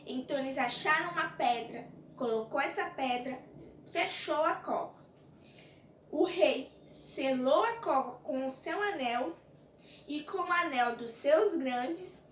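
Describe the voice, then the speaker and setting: A woman's voice: extremely high pitch, fairly bright tone, a little hiss or hum. A woman telling a Bible story expressively, asking her listeners questions, recorded in a roomy space from a distance with faint background sound. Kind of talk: children's Bible story narration. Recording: roomy echo, distant mic, faint ambience.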